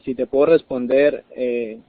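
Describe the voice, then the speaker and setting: A man's voice: mid-range voice, animated, unhurried, gravelly, dry recording. A man taking part as a student in an online class, speaking hesitantly from a tablet. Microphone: video call from a tablet. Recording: tinny phone-like call audio.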